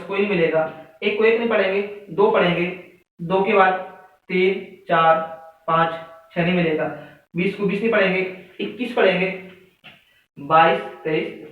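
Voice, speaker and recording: High-voiced man teaching in echoey room. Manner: counts aloud step by step, asks students questions. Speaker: maths teacher. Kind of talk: classroom lesson explanation. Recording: echoey room, far mic, phone-like sound.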